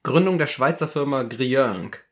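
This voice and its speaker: A man's voice: mid-range voice, expressive. A man hosting a casual podcast, playfully reading out a list and chatting to distract his co-host. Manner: playful, deliberately distracting with counting. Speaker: podcast host running a memory game.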